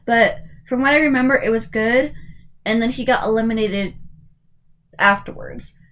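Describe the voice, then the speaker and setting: A twenty-something woman YouTuber speaks at normal speed in a fairly high, fairly bright voice, casually ranking things on a tier list. Her talk is hesitant and full of fillers and restarts, her voice drops in and out, and the recording is low quality.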